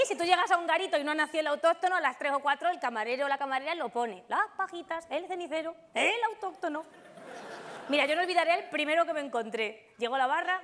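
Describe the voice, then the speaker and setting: High-voiced woman doing stand-up. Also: slight background noise. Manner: lively storytelling, acting out quoted voices. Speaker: stand-up comedian. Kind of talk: stand-up comedy monologue. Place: theater stage with live audience.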